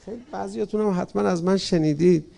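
A male preacher telling a mourning story in a sermon, fervent, swinging from loud pleading to hushed lines. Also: high-pitched, creaky.

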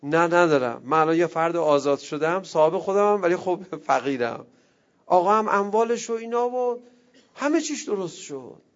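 A man giving a religious talk, telling a story with animated, emphatic delivery that swells to forceful peaks. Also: sits high. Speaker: preacher. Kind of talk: religious lecture. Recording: dull lo-fi sound.

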